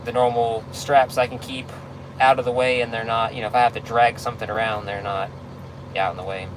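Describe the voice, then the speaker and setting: Over clear vehicle noise, a man talks casually as if to a livestream audience, answering questions. His delivery is laid-back and halting, at a medium pitch. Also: little pitch movement. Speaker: tow truck driver livestreaming.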